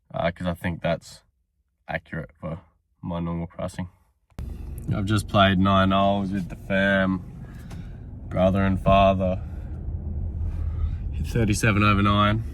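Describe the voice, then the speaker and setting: A self-employed window cleaner vlogs his day in a casual, sweary style, rambling as he thinks aloud. His voice is low and the recording is dry.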